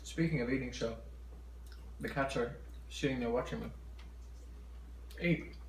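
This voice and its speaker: A man's voice: mid-range voice, measured pace. Casual male mukbang host, talks while chewing, echoey home kitchen, slight background noise. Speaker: mukbang vlogger. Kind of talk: casual eating-show chat to camera.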